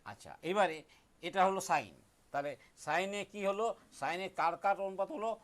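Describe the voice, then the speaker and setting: A middle-aged man, explaining a math lesson step by step in a high voice. He repeats key points and keeps checking that the class understands. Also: fairly bright tone. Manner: patient and repetitive, checks in often, chants a memory rhyme slowly. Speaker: math teacher.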